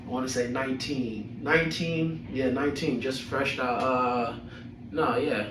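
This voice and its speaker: On his personal podcast, a young man spins casual stories from his life, full of slang, swearing and chuckles. He speaks at a measured pace in a medium-pitched voice, and the recording has room echo, a distant mic and faint background noise.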